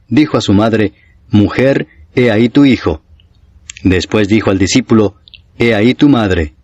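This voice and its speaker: Low-voiced man reading scripture solemnly. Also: no room sound, muffled recording. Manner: steady solemn reading, lifting pitch for quoted shouts. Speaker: Bible reader. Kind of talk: scripted audiobook narration.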